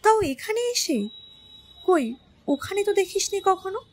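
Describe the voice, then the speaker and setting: An actress playing a gentle, questioning young woman among friends in an audio drama. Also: extremely high pitch, big pitch swings, measured pace, full character voice.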